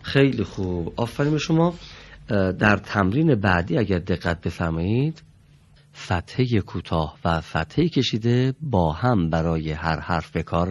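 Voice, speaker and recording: A man teaching a Quran reading class, politely calling on students and patiently correcting how they pronounce each letter. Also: sits low. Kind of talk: classroom recitation lesson.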